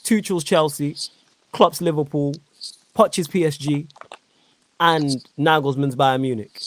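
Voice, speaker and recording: A man with a Manchester accent hosting a casual football podcast, reading out viewer comments and arguing his points. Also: on the high side. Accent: Mancunian. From Manchester, England. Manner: fast, animated, reads viewer comments aloud. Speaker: podcast host.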